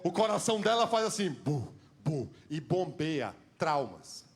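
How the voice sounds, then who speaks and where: Dramatic high-pitched Brazilian preacher. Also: male voice, sing-song, normal speed. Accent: Brazilian Portuguese. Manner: dramatic storytelling, swinging from shouts to hushed tones. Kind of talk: sermon. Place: church.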